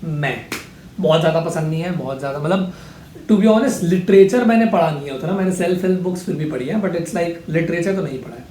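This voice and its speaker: A man's voice: fairly high pitch, lively intonation, a little fast, a little mellow, echoey room. A teenage man, chatting casually and jokingly as he answers viewer questions late at night, a bit sleepy. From India. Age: teens. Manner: chatty, switches between Hindi and English, jokey.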